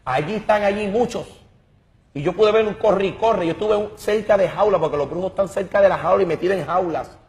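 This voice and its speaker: A man tells his religious testimony with fervor and drama. His voice sits fairly high for a man. He stresses words and repeats himself as he reaches for the next thought. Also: a little fast, darkish tone. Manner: emphatic and dramatic, repeats words while searching. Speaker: guest giving a testimony.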